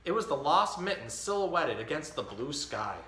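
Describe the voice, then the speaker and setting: Guy in his 30s doing kids storytime, bright lively voice, kinda echoey room. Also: on the high side, moderate pace, slight background noise. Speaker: storytime host. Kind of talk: reading a children's picture book aloud. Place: indoor tiled-floor room. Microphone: camera a few feet away.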